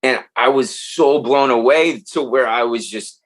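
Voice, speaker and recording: A man talking as a podcast guest, telling stories in a loose, animated way and swearing freely. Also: medium pitch, a little slow. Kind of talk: casual chat.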